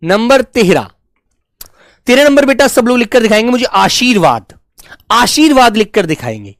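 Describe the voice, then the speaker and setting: In a live online class, a man teaches spelling, drawing out each word slowly and patiently and affectionately calling his students "beta," or children. His pitch swings widely as he explains. The recording is dry and close-miked, without any room echo.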